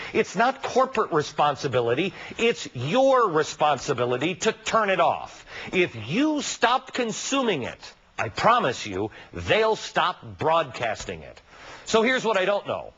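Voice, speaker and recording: Emphatic husky-voiced male host. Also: a little high, a bit bright. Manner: emphatic, sarcastic, rhetorical questions. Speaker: TV commentary host. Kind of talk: opinion monologue and interview. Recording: dull lo-fi broadcast audio.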